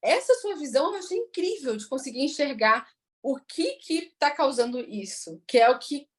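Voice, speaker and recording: Enthusiastic woman host, voice a bit high. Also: expressive, moderate pace. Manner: affirming, enthusiastic listener. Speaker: interview host. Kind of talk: casual interview chat.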